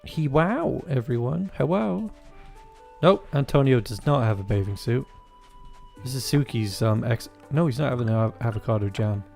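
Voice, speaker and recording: A man's voice: mid-range voice, moderate pace, a little mellow. A man giving casual, crude, joking commentary while playing a farming game, rambling and often restarting his sentences. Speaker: gaming video host. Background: faint game music.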